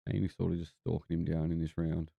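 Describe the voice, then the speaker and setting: A man's voice: low voice, flat delivery, fast, gravelly, husky, dry recording, narrow, tinny audio. A man with a broad New Zealand accent giving casual, laid-back, sweary live fight commentary. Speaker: boxing watch-along podcast host.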